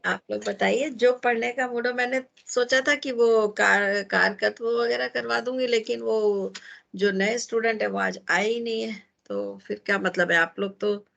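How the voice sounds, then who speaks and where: A woman's voice: a little high, steady tone, unhurried, gravelly, a bit bright. A woman teaching an online astrology class, chatting casually and rambling with easy laughs over a video call.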